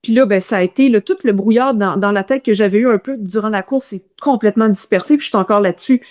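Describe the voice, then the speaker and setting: A runner with a Quebec French accent tells a guest's stories in a casual interview. She speaks fast in a mid-range voice, animated and restarting often.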